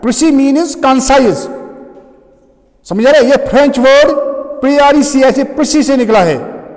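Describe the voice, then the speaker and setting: A man's voice: very high voice, measured pace, darkish tone, in a large hall. A man teaching English grammar in a classroom, mixing Hindi and English and often checking whether students follow. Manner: mixes Hindi and English, keeps asking "समझ आ रहा है?". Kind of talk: classroom lecture.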